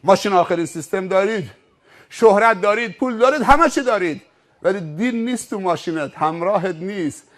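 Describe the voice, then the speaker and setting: A man's voice: high voice, lively intonation, a bit bright. A man acting out a stern male angel of death who barks orders and coldly lists the man's riches.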